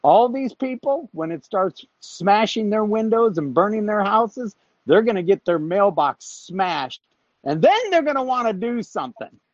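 A man calling in to a talk show from his car, his fairly high voice coming through a dull, muffled phone line. He speaks with preachy emphasis and rushes from point to point. The line sounds dry, with no room around him. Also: big pitch swings, no room sound. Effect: phone call from a moving car. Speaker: caller. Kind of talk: call-in talk show chat.

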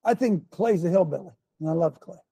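An older man with a high-pitched, gravelly, husky voice preaches emphatic commentary. He repeats his points and keeps asking his listeners rhetorical questions, clearing his throat along the way. The recording is close and dry. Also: animated, a little fast, dark tone, dry recording. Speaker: show host.

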